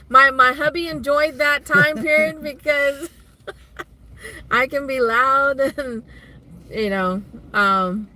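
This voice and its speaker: A woman's voice: high voice, drawn-out words, pauses often, bright, forceful tone. A woman hosting a casual live stream, chatting with viewers and reading their comments aloud as she talks. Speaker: vlog host doing a live stream. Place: inside a car.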